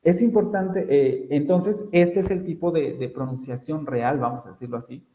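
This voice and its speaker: Mexican professor lecturing in a roomy echo. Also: male voice, on the high side, moderate pace, dark tone. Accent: Mexican Spanish. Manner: explanatory, self-correcting, frequent fillers. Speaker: university professor. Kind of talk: online phonetics lecture. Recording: roomy, dull lo-fi audio.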